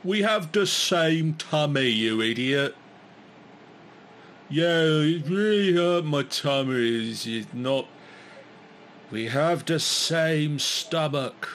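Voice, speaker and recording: A man voicing a bickering, friendly two-headed cave creature in a tabletop game, with slow, simple phrasing. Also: on the high side, a little hiss or hum, pitched above the performer's own voice. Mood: bickering, scolding.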